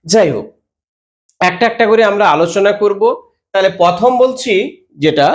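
A man's voice: high voice, animated, normal speed. A man teaching a grammar lesson, explaining step by step with frequent hesitations and spoken examples of sounds.

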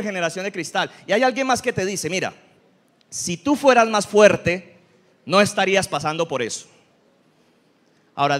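A pastor delivers a lively sermon, mixing humor with earnest teaching. His voice sits notably high for a man. He keeps the congregation engaged with questions and jokes. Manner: humorous, animated preaching with audience questions.

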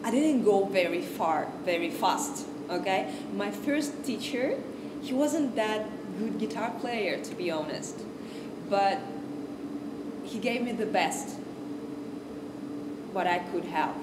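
Slow-speaking woman from Kazakhstan. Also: medium pitch, expressive. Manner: unhurried, searching for words, many restarts. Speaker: guest music lecturer. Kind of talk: informal talk to a class. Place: large stage with piano. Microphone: far camera, no handheld mic. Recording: audible background noise on stage.

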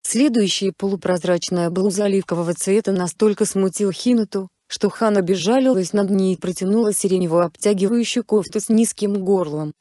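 Woman storyteller reading fan fiction; mellow, dark tone, dry close sound. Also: mid-range voice, a little fast, hardly any pauses, no echo.

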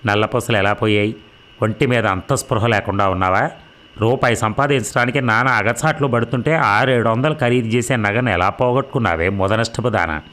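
A man reading the lines of a blunt, hot-tempered elder brother who works as a schoolteacher, in a low voice. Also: brisk, fairly bright tone, natural voice. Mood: angry scolding. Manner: blunt, scolding.

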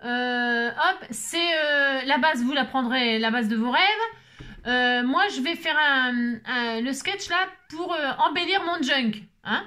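A middle-aged woman hosts a crafting vlog, chatting away casually. Her voice sits a bit high for a woman, and she tells her stories with lively, animated energy and plenty of fillers. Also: slow pace. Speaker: crafting channel host.

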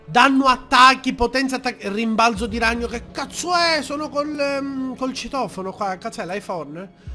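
An excitable young man giving let's-play commentary, shouting and swearing as he plays. His voice is very high and very bright, and his pitch swings widely. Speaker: gamer.

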